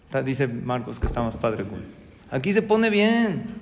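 A man with a Mexican accent gives a lively sermon as a rabbi, putting questions to his audience. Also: mid-range voice, a little slow, in a large hall, slight background noise.

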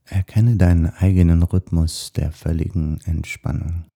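A man leads a guided meditation in a deep, very dark and mellow voice. His delivery is soft, hushed and soothing, husky with breath, and leaves long pauses between short phrases. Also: flat delivery. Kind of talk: guided meditation, body scan.

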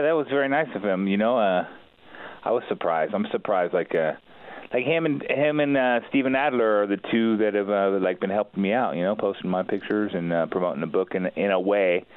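A man talking as a podcast guest in halting casual chat, full of fillers. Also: on the low side, no room sound. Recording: tinny phone line.

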